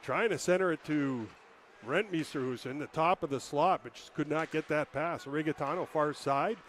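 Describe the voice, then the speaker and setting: A man calling hockey play-by-play in a rapid running call, rising to shouts on scoring chances. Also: fairly high pitch, a little hiss or hum. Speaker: play-by-play announcer.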